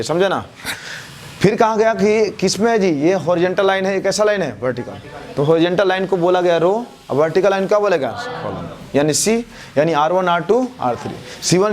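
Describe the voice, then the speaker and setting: A man teaching a math class, who keeps asking questions and answering them himself, his answers dropping low and soft. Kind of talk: classroom lecture with call-and-response questions.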